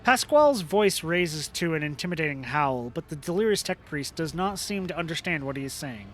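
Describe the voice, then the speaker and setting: Young guy streamer reading game dialogue out loud, kinda high voice, jokey. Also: lively intonation, brisk, faint music behind. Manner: casual, joking asides between narration.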